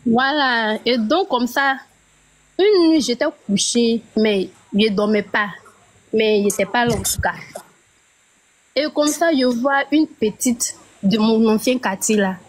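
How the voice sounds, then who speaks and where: Fairly high-voiced woman caller. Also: unhurried, rough recording. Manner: hesitant, repeats and restarts phrases. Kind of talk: phone-in storytelling.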